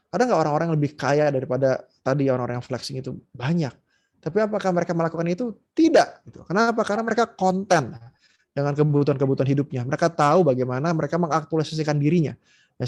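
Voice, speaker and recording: A man who is a psychologist, giving an online seminar lecture, animated and acting out scolding parents' voices, with many fillers. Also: fairly high pitch. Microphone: video call.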